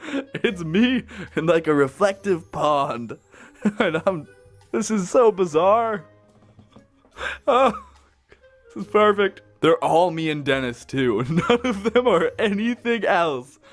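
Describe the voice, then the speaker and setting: A man reading fan fiction aloud, breaking off often with excited, gushing reactions and laughter. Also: high-pitched, slow pace, long pauses, faint music behind.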